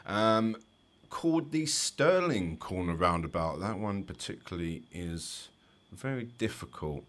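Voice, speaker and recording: A man's voice: low-pitched, expressive, a little slow, fairly bright tone. A man with a London accent, a driving instructor giving chatty, explanatory commentary over driving test footage with light jokes.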